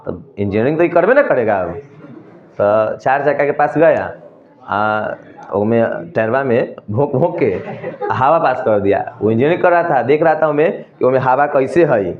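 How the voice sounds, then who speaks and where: A man's voice: mid-range voice, animated, normal speed. A man with a Bihari Hindi accent explaining a story to students in a loose, colloquial way, asking questions and answering them himself. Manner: colloquial, asks and answers his own questions. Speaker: teacher. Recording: echoey room, tinny phone-like sound.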